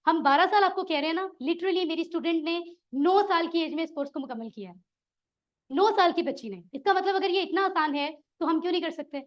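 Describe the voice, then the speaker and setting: A woman leads a classroom lesson in a very high voice. She keeps encouraging her students and asks them questions. The recording sounds dull and lo-fi. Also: a little fast. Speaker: Quran Arabic teacher.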